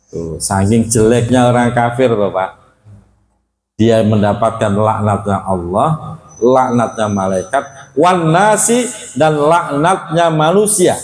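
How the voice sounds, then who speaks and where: A man teaching a Quran study lecture in a casual, conversational way, often addressing his listeners as sir, and reading Arabic phrases slowly before explaining them. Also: medium pitch, reverberant. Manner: conversational, addresses audience as Pak.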